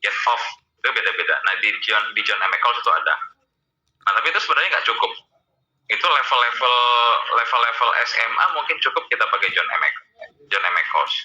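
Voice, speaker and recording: Over dull lo-fi call audio, a male university lecturer chats his way through an online screen-sharing lecture, filler-heavy and relaxed. He talks briskly at a medium pitch, in a sing-song, pushed and bright voice.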